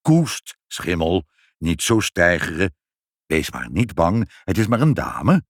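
A man acting out a good-natured old Saint Nicholas, deep and a little husky, drawing out every word. He muses slowly, with a gentle, grandfatherly weight. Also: wildly swooping pitch, no room sound, clean studio sound, exaggerated voice. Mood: musing. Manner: slow, deliberate, musing. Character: kindly old Saint Nicholas, slow and ponderous.

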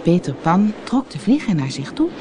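An expressive reader narrating a children's storybook, with faint background ambience. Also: mid-range voice, normal speed, slight background noise. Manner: expressive, animated.

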